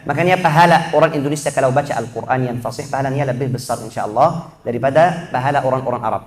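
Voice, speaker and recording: Slowly drilling sounds and chanting recitation examples, a high-voiced teacher contrasts wrong pronunciations with right ones. He is an Egyptian native Arabic speaker giving a Quran recitation lesson at a mosque.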